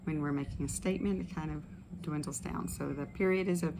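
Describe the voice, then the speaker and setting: A woman speech pathologist leading voice and swallowing exercises in a relaxed, explanatory way with many fillers. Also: deep voice, brisk, noisy background. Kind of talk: instructional exercise video. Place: outdoors in a tropical setting. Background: ambient outdoor sounds with birds.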